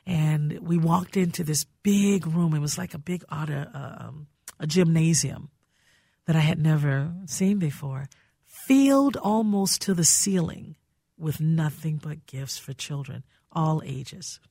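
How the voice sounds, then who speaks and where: A woman's voice: low-pitched, expressive, unhurried, vocal fry, warm tone, dry recording. An older woman hosts a radio talk show from a studio. She tells stories in a heartfelt, reminiscing way, and her voice sits close and dry with no room sound.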